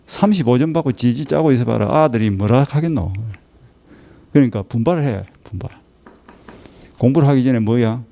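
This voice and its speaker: A man's voice: mid-range voice, expressive, moderate pace, gravelly, long pauses, dark tone. A middle-aged man with a Gyeongsang Korean accent gives an exam-prep law lecture, scolding and teasing his students with rhetorical questions.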